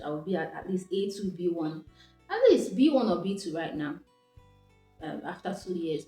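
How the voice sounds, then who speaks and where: With a lowish, slightly mellow voice, this young Nigerian vlogger, an Igbo first-language speaker, speaks casually to camera. She is reflective and often stops to restart or fix her sentences, against an echoey room and soft background music.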